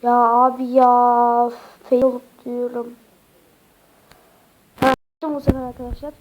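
A woman's voice: a little high, flat delivery, slow pace, phone-quality sound. A woman narrating a casual game tutorial with a slightly sick voice, chatty and hesitant, often addressing the viewers as friends. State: slightly sick voice with occasional coughs. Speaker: Minecraft tutorial YouTuber.

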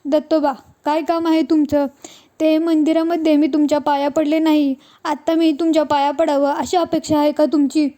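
A woman's voice: high-pitched, flat delivery, normal speed, mellow, lightly acted. A woman voicing a haughty rich matriarch who speaks in a curt, scolding way. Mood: scornful.

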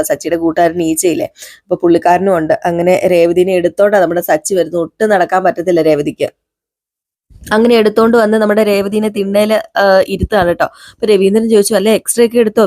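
A woman's voice: mid-range voice, warm tone, no echo, clean studio sound. A woman casually recapping a TV serial episode, chatty and quoting the characters in her own voice. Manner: chatty, quotes characters in her own voice, frequent "ട്ടോ" fillers.

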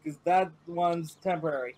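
A playful man in a gaming session with friends, often asking how things work. His voice sits a little high for a man. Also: moderate pace, darkish tone. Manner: playful, questioning. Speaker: gamer playing with friends. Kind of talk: casual gaming chat.

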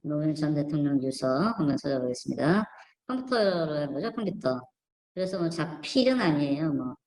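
Low and darkish, with lively intonation and a moderate pace, a woman offers casual spoken commentary on images for her online channel. She meanders and sounds doubtful, restarting often and leaning on fillers, recorded in an echoey room.

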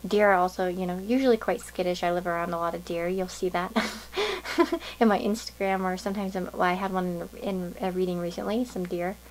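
A woman's voice: fairly low pitch, a little fast, poor audio. A woman giving a casual pick-a-card tarot reading to viewers, musing and thinking aloud in a meandering way.

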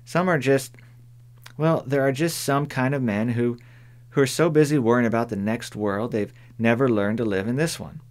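A man voicing a sharp-tongued older woman neighbor in an audiobook, dry, firm and plain-spoken. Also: medium pitch, normal speed, natural voice. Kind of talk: audiobook character voice.

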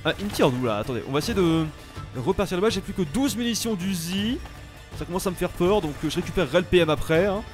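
A young French man giving casual, animated commentary while playing a video game, exclaiming at the action. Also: high-pitched, quick pace, music in the background. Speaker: let's play host.

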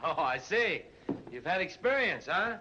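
An actor playing an easygoing young cab driver with a breezy, coaxing way of talking, on a dull old 1930s film soundtrack. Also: male voice, sits high, big pitch swings, measured pace, sharp tone, slight background noise, heavily acted.

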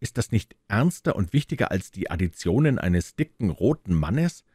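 A man's voice: fairly low pitch, sing-song, moderate pace, mellow, slightly rough, no echo, clean studio sound. A man voicing a small, earnest boy prince from another planet, who questions insistently and indignantly. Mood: impassioned.

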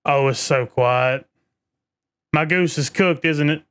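A scared horror game streamer mutters uneasy reactions as casual live commentary, his fairly high, slightly bright voice coming slowly and cleanly. He sits in an indoor streaming room with headphones on, speaking into a boom microphone at his desk.

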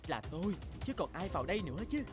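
A woman voicing an old husband turned young again in a storybook cartoon, speaking in a lowered, hearty voice with chuckles. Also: very animated, fast talker, over music. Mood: delighted. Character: old man made young again, cheerful, devoted husband.

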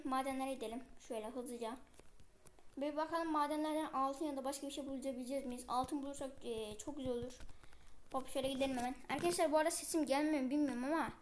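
A woman giving casual gameplay commentary, chatting to viewers with many fillers and speaking a bit loudly on purpose. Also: sits high, slight background noise.

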